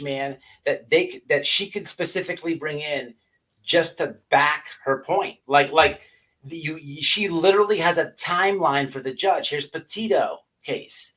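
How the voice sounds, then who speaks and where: A man with a fairly high, somewhat bright voice talks a little slowly as host of a casual livestream. He chats and rants to viewers in vulgar slang, often stammering and repeating words.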